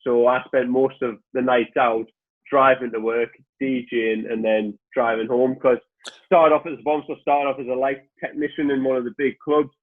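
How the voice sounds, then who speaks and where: A man hosting a podcast, relaxed and laughing easily. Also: mid-range voice, moderate pace. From North East England. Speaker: podcast host. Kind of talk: casual chat. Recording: tinny phone-like call line.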